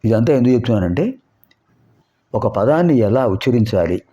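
A man teaches a Sanskrit lesson in a medium-pitched, animated, mellow voice, explaining grammar and slowly repeating sounds to demonstrate pronunciation. He poses rhetorical questions along the way. The recording is dull and lo-fi.

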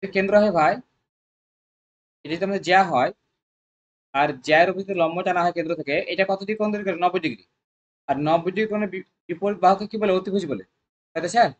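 Coaching-centre math tutor, mid pitch, rapid, drills students with constant questions. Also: lo-fi sound. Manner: coaxing, repetitive. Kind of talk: exam-prep math lesson.

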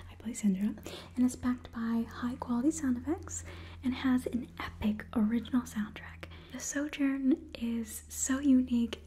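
Close to the microphone, a young adult woman, an ASMR creator, whispers a scripted sponsor message. Her voice sits on the high side and sounds mellow.

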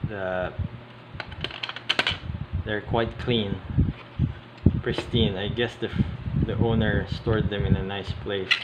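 A hobbyist video host gives casual, unscripted show-and-tell at an indoor tabletop, his voice on the low side with the highs cut off. He speaks haltingly, often pausing mid-sentence. The audio carries heavy, steady air-conditioning hiss and handling clicks.

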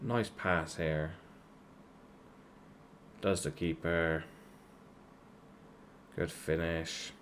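A man's voice: low voice, steady tone, extremely slow, pauses often, a little hiss or hum. Frustrated man ranting at his team. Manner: shouts at his players, swears, ranting. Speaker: gaming YouTuber. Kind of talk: live reaction commentary over a football management game.

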